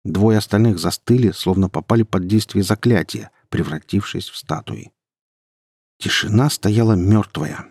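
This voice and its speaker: A young man narrating a first-person story in a measured, low-key way. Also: vocal fry, a little mellow, husky, dry recording, studio quality. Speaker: audiobook narrator.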